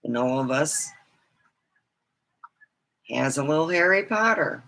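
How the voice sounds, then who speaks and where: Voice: mid-range voice, animated, slow pace, sharp tone, poor audio. A livestream host chatting casually, in a loose, rambling way that drifts between thoughts.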